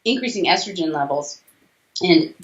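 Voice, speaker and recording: With a lowish, animated voice at normal speed, a doctor and author in her forties gives an emphatic, talkative interview, rattling off details. She's on a video call from a small indoor room, and the audio sounds slightly dull.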